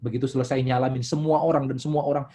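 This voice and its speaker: A man preaching a sermon with an Indonesian accent, swinging from quiet asides to loud, emphatic bursts as he tells a story to his congregation. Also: mid-range voice, steady tone, rapid-fire. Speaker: pastor.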